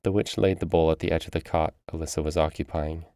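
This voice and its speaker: A man narrating a short story in a calm, even way. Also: very deep voice, fast, clear, resonant tone, no echo.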